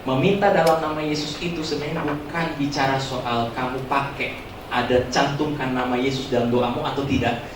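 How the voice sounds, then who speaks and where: A man preaching a joking, animated youth sermon as pastor, acting out loud prayers, in a church hall recording heard from far off. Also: medium pitch, fairly quick, background noise.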